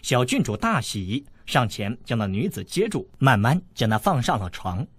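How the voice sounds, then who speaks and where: A man narrating a novel as an audiobook, telling the story lively. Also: mid-range voice, normal speed, husky, no echo.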